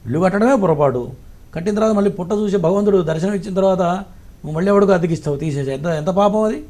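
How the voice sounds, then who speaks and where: A male astrologer with a high voice and a rapid, clipped delivery. He lectures callers bluntly and tells them what to do. He speaks in a call-in advice format. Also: darkish tone.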